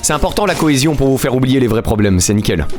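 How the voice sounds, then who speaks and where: A fast-talking man with a medium-pitched, lively voice livestreams a video game, chatting and joking casually with his viewers. He laughs often, with game music in the background.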